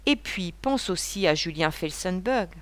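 A grave young husband speaks with steady, earnest tenderness in a read-aloud novel, a woman narrator lending him her own voice. His words come serious and pleading. The sound is close and dry. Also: on the low side, measured pace, dry recording. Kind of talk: audiobook character reading.

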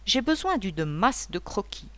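A woman's voice: mid-range voice, sing-song, unhurried, a bit bright, no echo. A woman voicing a boisterous, talkative male painter who rambles and gives orders in a mocking tone. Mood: chattering, bossy.

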